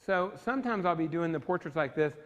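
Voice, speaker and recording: An enthusiastic man leads a photography workshop and keeps turning to his class with questions. His voice sits a little high for a man. The sound rings with the long reverb of a big studio classroom. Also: expressive, fast. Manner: enthusiastic, talks to the class directly. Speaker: photography instructor. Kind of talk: live workshop lecture. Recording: long reverb in a large room.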